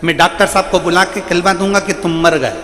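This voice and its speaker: Man playing a calm, wily guru. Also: high voice, quick pace. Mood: persuasive. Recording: echoey hall with faint music.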